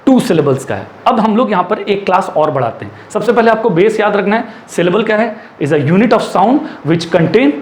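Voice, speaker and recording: In an echoey room with a faint hum, an animated man with a high voice teaches a class in Hindi mixed with English. He dictates each rule slowly and repeats it while writing, posing questions and answering them himself.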